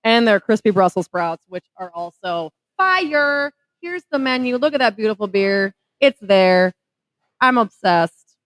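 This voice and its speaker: A woman's voice: medium pitch, expressive, measured pace, a bit bright, dry recording, poor audio. A woman co-hosting a live podcast from a taproom, bubbly and giggly as she runs through local events. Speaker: podcast co-host. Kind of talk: upbeat live podcast chat. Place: restaurant taproom, live show.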